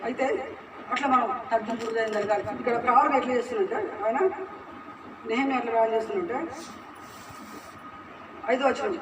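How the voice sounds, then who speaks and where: Rich: A very high-pitched man preaches quickly in a roomy church hall. He drives his sermon with rhetorical questions and repetition. The recording is distant, echoey and noisy. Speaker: pastor.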